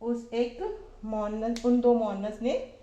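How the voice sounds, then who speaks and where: Slow, mellow-voiced woman teaching grammar. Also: a little high, expressive, echoey room. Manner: asks questions and answers them herself; repeats word forms slowly. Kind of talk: slow classroom lesson.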